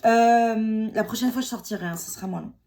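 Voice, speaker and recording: A woman in her forties speaks briskly in a slightly high voice with a dark tone, and there's a little hiss or hum in the recording. She has a cold and is a beauty vlogger, casually chatting and joking at her own expense while doing her makeup at home, with many fillers and restarts.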